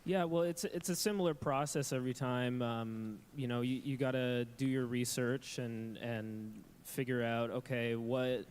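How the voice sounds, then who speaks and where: Man composer, mid-pitched, easygoing rambling panel talk, faint room hum behind. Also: steady tone, measured pace, hardly any pauses, a little mellow. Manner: casual, rambling, plain-spoken. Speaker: game music composer. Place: live convention stage.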